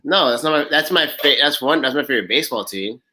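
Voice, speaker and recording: A man's voice: mid-range voice, animated, quick pace, pushed and bright, a little hiss or hum. A man hosting a live stream in casual chat, teasing his co-host in playful banter. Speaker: host of the channel.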